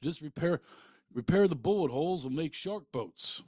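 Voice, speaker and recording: A man voicing his brash, scheming salesman father with a pushy sales-pitch delivery. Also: lively intonation, moderate pace, warm tone, no echo, studio quality.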